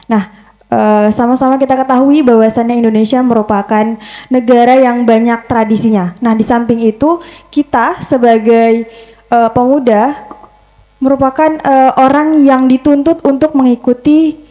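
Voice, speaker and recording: A woman's voice: fairly high pitch, steady tone, moderate pace, dark tone. A woman from North Sumatra asking a question from the audience, hesitant with frequent fillers.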